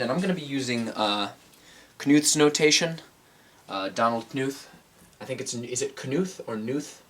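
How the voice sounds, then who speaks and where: A man's voice: medium pitch, a bit bright. A man in his twenties teaching a casual on-camera math lesson, thinking aloud with many fillers and self-corrections. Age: 20s. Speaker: math channel host. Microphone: camera mic, on camera at a board.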